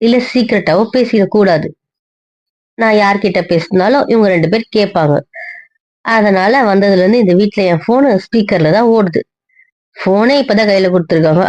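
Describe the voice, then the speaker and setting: Bossy teasing woman with a mellow voice. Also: medium pitch, no room sound, highs cut off. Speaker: wife in a comedy audio drama. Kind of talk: casual role-play banter.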